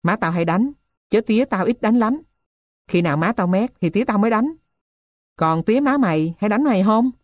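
A woman's voice: medium pitch, expressive, a little fast, darkish tone, dry recording, pitched above the performer's own voice, lightly acted. A woman voicing a bold, scrappy boy who talks back hotly. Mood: blunt. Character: bold scrappy street boy, defiant and cheeky.

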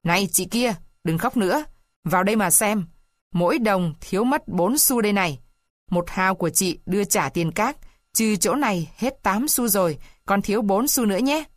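A woman's voice: mid-range voice, expressive, normal speed, dry recording, studio quality, natural voice. A woman reading a curt male treasurer. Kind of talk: storybook reading.

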